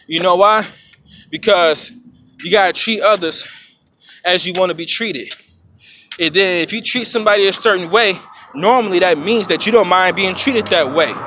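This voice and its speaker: A man's voice: sits high, normal speed, long pauses, sharp tone. A man giving a blunt, emphatic vlog rant, repeating his points. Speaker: vlogger. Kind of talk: ranting vlog monologue. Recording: noisy outdoor street with traffic.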